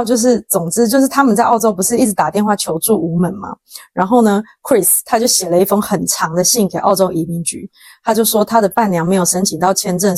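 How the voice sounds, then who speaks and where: A young Taiwanese woman hosts her own podcast, telling a story at a rapid clip and acting out the lines of the people in it. Her Taiwanese Mandarin accent comes through plainly, and the close mic sounds dry, with no room around her. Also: mid-range voice, no room sound. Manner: animated, dramatic retelling with quoted dialogue and slang. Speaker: podcast host. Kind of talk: casual storytelling monologue.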